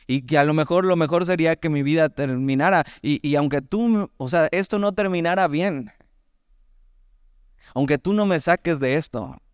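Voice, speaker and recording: Mexican man preaching, smooth dry voice. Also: fairly high pitch, dry recording. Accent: Mexican Spanish. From Mexico, Veracruz. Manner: conversational, animated asides, reads scripture slowly. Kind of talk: sermon, Bible teaching.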